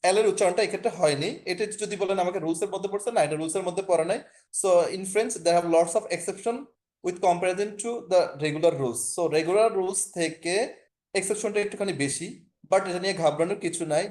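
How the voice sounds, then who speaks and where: A man's voice: high voice, a little mellow. A man with a Bangladeshi Bengali accent, teaching an online language class over a video call, explaining patiently, repeating points and often checking that students follow.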